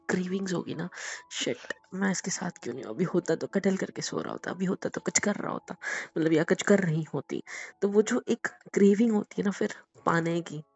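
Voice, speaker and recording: A man's voice: on the high side, gravelly, darkish tone, lo-fi sound. A man playing an affectionate young husband who soothes and teases his wife in an intimate romantic audio drama. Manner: tender, teasing and coaxing.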